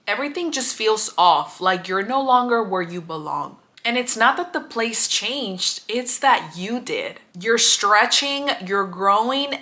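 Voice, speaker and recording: A woman's voice: medium pitch, bright, forceful tone. A woman in her thirties from Mexico, hosting a reflective self-growth vlog in an earnest, casual way. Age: 30s. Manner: earnest, casual, often says "literally" and "like". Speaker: vlog host.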